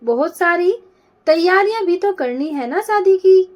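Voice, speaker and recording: A woman's voice: high voice, very animated, takes it slowly, dull audio, full character voice. Woman voicing a bullying male gangster. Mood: threatening. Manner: mocking, bullying threats. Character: menacing male gangster, cocky and threatening.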